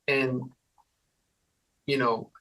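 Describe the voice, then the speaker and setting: A man's voice: medium pitch, very slow, far from the mic, low-quality recording. A man with a Danish accent, a guitarist chatting casually in an interview, loose and rambling with lots of restarts. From Denmark. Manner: relaxed, rambling, frequent restarts and fillers. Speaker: guitarist guest.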